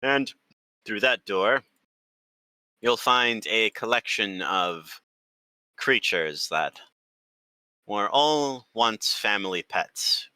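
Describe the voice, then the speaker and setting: Low bright-toned male game master. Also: clean tone, dry recording, rough recording. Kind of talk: narrating a tabletop game.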